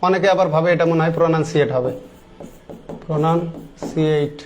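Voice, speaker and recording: A man in his thirties giving an online English grammar lesson. He explains step by step, asks the class questions and repeats key words, slowly spelling out English example sentences. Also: fairly high pitch, darkish tone, slight background noise. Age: 30s.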